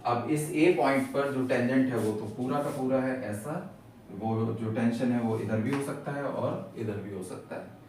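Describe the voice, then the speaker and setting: A male maths teacher giving a patient, step-by-step lecture at a board, repeating each key term. His mid-pitched voice comes from some distance across a very echoey room, with faint hiss underneath. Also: measured pace, darkish tone.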